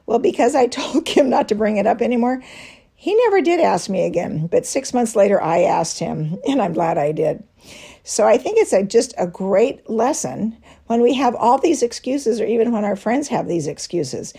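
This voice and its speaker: A woman's voice: a little high, big pitch swings, moderate pace, creaky, warm tone, breathy edge. A middle-aged woman giving a devotional teaching talk to a women's fellowship, telling personal stories with light laughs. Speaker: women's ministry speaker.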